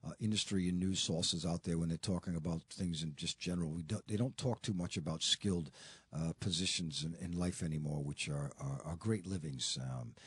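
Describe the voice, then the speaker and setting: Man, radio talk host, husky low voice, dry studio sound, chatty and joking. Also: brisk, no room sound. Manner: chatty, joking, rambling asides. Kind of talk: local talk radio interview.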